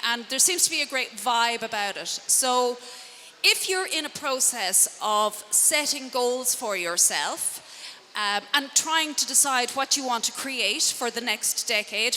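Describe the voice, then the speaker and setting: Woman, west of Ireland accent, motivational speaker, conversational, bright crisp tone, long hall reverb, clear background noise. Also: on the high side. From Connemara, Galway, west of Ireland. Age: middle-aged. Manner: conversational, rhetorical questions, self-deprecating asides. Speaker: transformative coach and speaker. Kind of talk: motivational talk to a live audience. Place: indoor event room before an audience.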